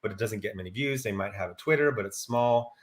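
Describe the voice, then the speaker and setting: A man's voice: lowish voice, fast. A man giving his opinion in casual, conversational talk.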